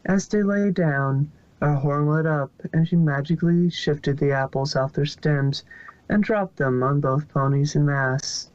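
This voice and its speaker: This amateur fanfic reading features a narrator with a medium-pitched, slightly mellow voice going a little slowly, plainly reading a fan story. It's a dull lo-fi home recording with no room sound, and the reader often stumbles and restarts words.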